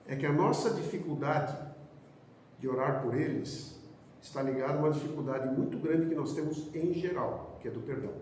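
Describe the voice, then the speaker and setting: A man's voice: medium pitch, a little mellow, a little hiss or hum. A man with a Brazilian Portuguese accent giving a spiritist doctrinal lecture, posing rhetorical questions and repeating phrases for emphasis. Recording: echoey hall, speaker far from mic.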